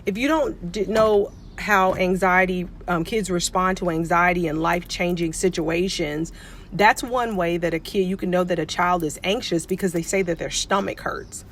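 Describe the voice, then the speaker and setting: A woman's voice: lowish voice, normal speed, slight background noise. A middle-aged woman, a pediatric nurse and life coach, telling a story casually to camera and acting out what people said. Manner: chatty, acts out quoted dialogue.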